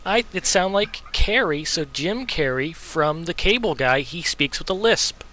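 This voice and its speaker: A man playing a tabletop game, explaining software settings and teasing friends. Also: fairly high pitch, expressive, measured pace. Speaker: player. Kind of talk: casual tabletop play.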